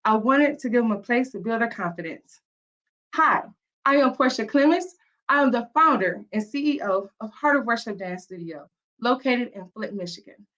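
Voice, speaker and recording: Earnest Southern woman pitching over a call. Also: expressive, normal speed, fairly bright tone. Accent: Mississippi Southern. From Mississippi. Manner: earnest, storytelling delivery. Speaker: entrepreneur pitching. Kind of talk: rehearsed pitch speech. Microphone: video call. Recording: dull lo-fi video call audio.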